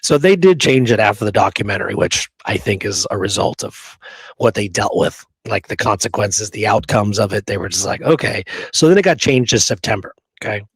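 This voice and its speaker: In a dry, rough recording, a male podcast co-host with a lowish, husky voice speaks briskly and expressively. He drives the casual discussion with emphasis, often checking in with a short "right?" or "okay?".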